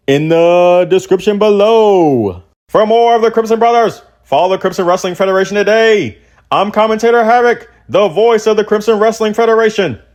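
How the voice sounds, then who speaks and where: A man's voice: sits high, darkish tone, lightly acted. A man voicing a wrestling ring announcer, delivering a promo voice-over in announcer style.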